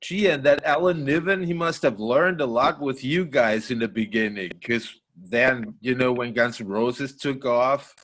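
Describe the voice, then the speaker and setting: A man's voice: mid-range voice, measured pace, hardly any pauses, a bit bright. A man interviewing a guest, asking questions in an easygoing way and laughing along. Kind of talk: casual interview.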